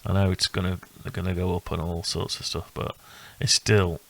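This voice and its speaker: In a low voice full of vocal fry, a man walks through his own electronics build, off the cuff. His pitch stays very even, and he halts and rambles, thinking aloud as he goes.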